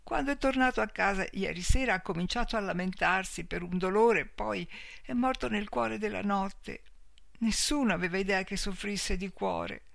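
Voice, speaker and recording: A man's voice: sits high, lively intonation, normal speed, a bit bright, no room sound, studio quality. A man voicing a polite young woman shopkeeper who is easily upset, speaking in a raised, fluttery voice for an audiobook. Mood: tearful.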